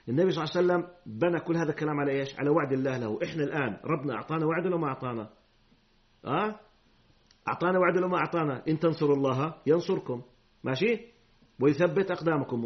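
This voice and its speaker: Preacher guy, talks fast, reads hadith then chats it out with questions, muffled lo-fi sound. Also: fairly high pitch. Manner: reads hadith formally, then explains in colloquial speech with rhetorical questions. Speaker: Islamic preacher. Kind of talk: religious lesson.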